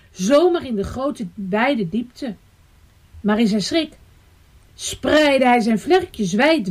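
Slow, lively woman reading a children's story. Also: a little high. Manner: slow, lively and sing-song.

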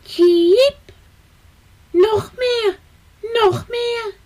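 A woman voicing a tiny hungry baby sparrow in a storybook reading, chirping and calling for food in a high squeak. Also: drawn-out words, darkish tone, exaggerated voice.

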